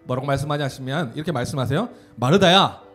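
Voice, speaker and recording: A man giving an animated children's sermon, telling a story and having the kids repeat words after him. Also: high-pitched, moderate pace, faint music behind. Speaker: children's pastor.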